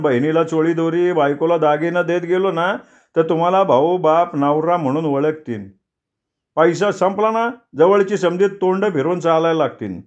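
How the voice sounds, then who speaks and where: A man voicing a calm, worldly village driver with rustic speech. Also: a little high, highs cut off, close to an everyday voice.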